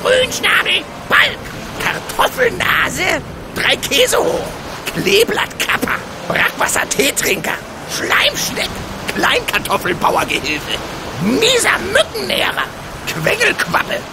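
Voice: extremely high pitch, wildly swooping pitch, takes it slowly, exaggerated voice. An actor playing a small, cranky, mischievous male leprechaun in a video game, scolding theatrically. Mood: insulting. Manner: scolding, theatrical, full of quaint insults. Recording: clear background ambience noise.

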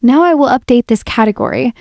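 Speaking fast with some vocal fry, a woman with a fairly high voice gives a relaxed, friendly, step-by-step tour of an app. She's presenting a casual screen-recorded software demo through a voice-over mic. The audio is studio quality, with no room sound.

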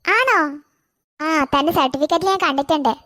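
A kind cartoon schoolteacher giving gentle instructions in a very high, quick voice, as a voice actor plays her. The recording is dry and close. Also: lively intonation, no echo. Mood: instructing. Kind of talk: cartoon voice acting.

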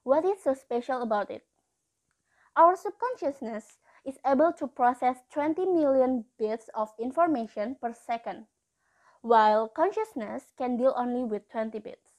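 A woman's voice: on the high side, animated, normal speed, a little mellow. A woman in her early twenties with an Indonesian accent, a non-native English speaker, explains a lesson to camera through a face mask that slightly muffles her voice. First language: not English. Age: early 20s. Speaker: explainer video host. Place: small indoor room.

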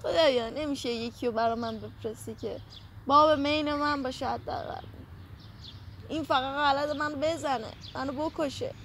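A woman's voice: high voice, fairly even intonation, fairly bright tone, slight background noise. A woman acting distressed and pleading in a hidden camera prank outdoors. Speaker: prank actress.

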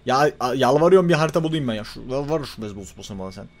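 Excitable young man gaming. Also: medium pitch, racing. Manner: loud frantic outbursts and mutters to himself. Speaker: gaming YouTuber. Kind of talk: excited let's-play commentary.

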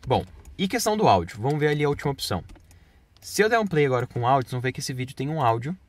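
Brief: male software tutor, quick casual walkthrough, mid-pitched. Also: animated. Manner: casual, explains step by step to viewers. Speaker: video editing instructor. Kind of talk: screen-recorded software tutorial.

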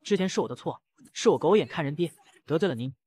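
A man's voice: on the high side, lively intonation, quick pace, a little mellow, husky. A man voicing a cowering male gang boss who stammers and begs for mercy in a comic retelling. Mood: pleading. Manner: pleading, stammering.

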